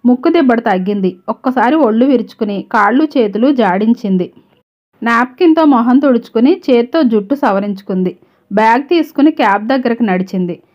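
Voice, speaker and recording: A woman storyteller reads a scripted story in a steady, even manner. Her voice sits fairly high. The recording is slightly dull and lo-fi. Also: a little fast.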